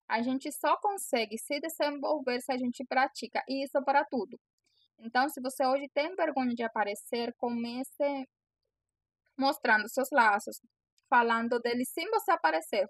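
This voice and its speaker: A woman's voice: high-pitched, dry recording. A young woman from Venezuela with a Venezuelan Spanish accent, a native Spanish speaker giving earnest, encouraging coaching to camera. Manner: earnest, encouraging, repeats phrases. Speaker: bow-maker coaching sellers. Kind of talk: direct-to-camera coaching talk.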